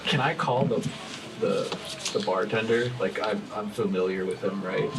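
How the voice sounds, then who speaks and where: A male tabletop player speaks in a measured, faintly formal way with many hesitations. His pitch is a little low. He sits slightly away from the mic with clear noise behind him. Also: recorded from a distance. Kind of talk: improvised role-play and table talk. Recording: noisy room, slightly off mic.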